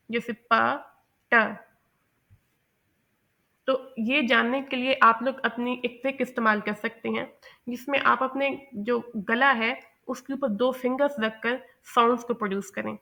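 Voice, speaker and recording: Gravelly-voiced woman teaching pronunciation. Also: on the high side, fairly bright tone. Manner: methodical, repeats example words slowly; mixes English terms into Hindi. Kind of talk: explanatory lesson.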